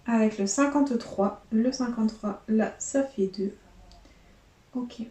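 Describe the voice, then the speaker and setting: A woman's voice: a little high, takes it slowly, dark tone. A woman vlogger giving casual running commentary as she scratches lottery tickets, chatting to her viewers like friends. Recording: echoey room with faint noise.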